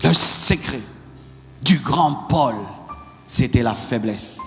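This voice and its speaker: A male pastor delivering a sermon, repeating phrases and building up to shouted exhortations to the congregation. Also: mid-range voice, takes it slowly, gravelly, in a large hall, faint music behind. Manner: repetitive, rising to shouted exhortations.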